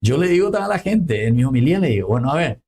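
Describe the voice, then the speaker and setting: A man's voice: a little high, very animated, fast talker, darkish tone. A man in his sixties, a priest, telling stories in an interview and acting out the people he quotes. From Paraguay. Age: 60s. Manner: storytelling, acts out quoted people with jokes. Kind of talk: interview conversation.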